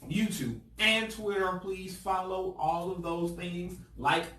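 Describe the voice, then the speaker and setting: Man, podcast co-host, excitable, quick talker, slightly high voice, heard from off-mic in an echoey room. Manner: excitable, fast-talking, builds up announcements. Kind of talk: casual podcast chat. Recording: echoey room, far from mic, faint noise.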